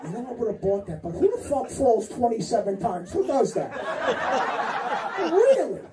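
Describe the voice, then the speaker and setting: A man in his fifties working a comedy club stage with a rambling, profane stand-up routine. His pitch swings up and down a lot, and he trades jabs with hecklers. He sounds set back from the mic, with loud crowd laughter around him. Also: very animated, normal speed, reverberant, distant mic, heavy background noise. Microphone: handheld stage mic.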